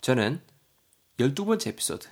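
A man's voice: medium pitch, sing-song, normal speed, darkish tone, breathy edge. A man teaching English vocabulary on a podcast, patiently explaining words and spelling them out.

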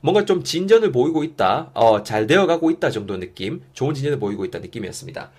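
A man's voice: mid-range voice, very animated, fast talker, darkish tone, husky. A man teaching an online English lesson, encouraging listeners and coaching them to repeat phrases.

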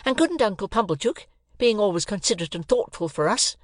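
The audiobook character here is a snappish, sarcastic, sharp-tongued older sister given to long scolding tirades, voiced by a reader at medium pitch. The delivery is expressive and a little fast, pushed up in pitch yet close to an everyday voice, captured in studio quality without echo.

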